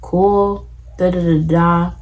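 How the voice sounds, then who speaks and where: A woman's voice: on the low side, slow pace. Chatty young woman telling a storytime. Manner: animated, acts out quotes, many "da da da" fillers. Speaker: vlogger. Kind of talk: casual storytime.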